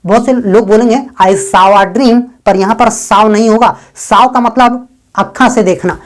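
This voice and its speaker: Woman tutor, higher-pitched, patient step-by-step explainer who drills phrases slowly. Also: fairly even intonation. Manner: explains step by step, repeats English sentences slowly. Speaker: English teacher. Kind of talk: spoken English lesson in Hindi.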